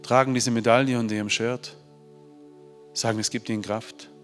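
A man tells a heartfelt story to a crowd, rising to loud bursts and then dropping to near-hushed tones. His voice rings with long hall reverb. Faint music plays underneath. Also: medium pitch, little pitch movement, normal speed. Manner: emotional, swings from loud to hushed. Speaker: speaker. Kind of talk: motivational storytelling talk. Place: large hall.

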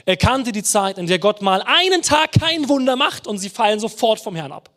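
A man preaching in a high voice. His pitch swings widely, rising and falling as he makes each point. He talks with the congregation in a conversational way and keeps putting rhetorical questions to them. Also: sing-song, moderate pace, fairly bright tone. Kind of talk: sermon.

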